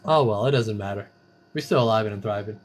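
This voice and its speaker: A man's voice: on the low side, a little fast. Playful man doing goofy game commentary. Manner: playful, sing-song chanting and goofy catchphrases. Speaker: gamer streamer. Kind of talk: casual gameplay commentary.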